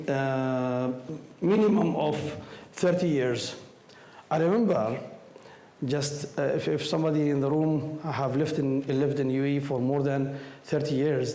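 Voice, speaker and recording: A man with a hoarse, worn-out voice from a cold, speaking non-native English haltingly as he takes questions in a public talk. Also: medium pitch, dark tone. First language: not English. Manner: halting, repeats words and phrases. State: hoarse from a cold, voice nearly gone. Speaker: speaker from an astronomy group taking audience questions. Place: indoor room with audience. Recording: echoey room, some background noise.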